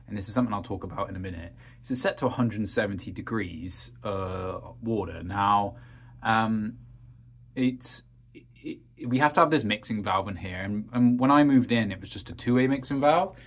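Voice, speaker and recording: A man with a fairly low voice gives a casual vlog tour of his heating setup. He rambles in a practical way, full of ums and uhs. He talks from a cramped crawl space and utility room. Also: normal speed. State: out of breath after crawling. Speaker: homeowner showing his heating system.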